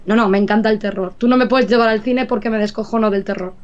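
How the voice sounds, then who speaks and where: A woman's voice: mid-range voice, fairly even intonation, fast talker. A young woman from Madrid, with a slight Andalusian touch to her speech, chats casually as a guest streamer on a video call from her home. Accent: Madrid Spanish with an Andalusian touch. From Madrid, Spain. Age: young adult. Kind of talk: casual interview chat. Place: home room with pets. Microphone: video call, webcam mic. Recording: dull lo-fi video call audio.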